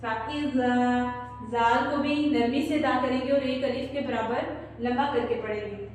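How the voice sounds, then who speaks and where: A woman teaching children Quran recitation with an Urdu accent, slowly modelling each word for them to repeat. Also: high voice, fairly even intonation, a little hiss or hum. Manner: slow, patient, models recitation for pupils to repeat. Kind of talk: tajweed lesson for children. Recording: echoey distant room recording.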